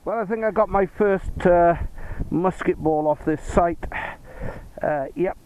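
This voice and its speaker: A man's voice: sits high, a little slow, a little mellow. A man giving casual, hesitant field commentary as a metal detecting host, musing aloud outdoors. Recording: muffled audio with outdoor background noise.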